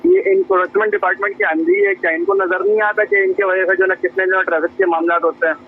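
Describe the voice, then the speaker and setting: A man's voice: high-pitched, animated, quick pace, slightly rough, soft background music. A male caller with a Karachi Urdu accent, asking an indignant question on a radio phone-in. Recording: tinny phone line with faint noise.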